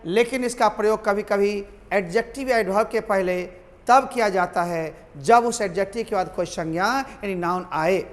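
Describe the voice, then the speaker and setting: A man's voice: high-pitched, fairly bright tone, in a large hall. A man teaching a grammar lesson to students, repeating key points and calling them his children.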